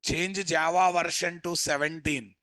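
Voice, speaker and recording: A man with a Telugu Indian accent teaching a live step-by-step software tutorial, informally addressing learners and often asking rhetorical questions. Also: fairly high pitch, fairly even intonation, unhurried, no room sound. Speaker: software instructor.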